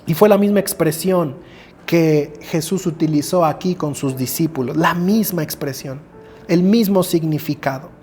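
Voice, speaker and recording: A male pastor preaching a sermon to his congregation, speeding up and then slowing to soft, drawn-out phrases. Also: fairly high pitch, soft background music. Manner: expressive preaching, swings from quick to slow and soft, addresses congregation.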